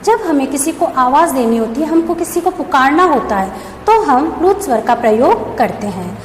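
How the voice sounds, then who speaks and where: A woman teacher with a high, lively voice talks a class through a grammar lesson, posing questions and answering them herself. She is recorded in a roomy school space with a long echo. A faint hum sits behind her. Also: normal speed. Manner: explains step by step, asks and answers her own questions. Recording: echoey room with long reverb, faint background hum.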